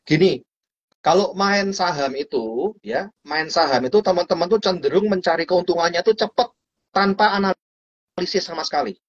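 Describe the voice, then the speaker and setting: A man with a husky, slightly breathy voice talks through stock trading in a relaxed, chatty way. He is animated and playful, and he acts out small scenes with sound effects. The recording sounds dull and lo-fi. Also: high voice, normal speed. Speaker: stock trading guest speaker. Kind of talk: casual explanatory chat.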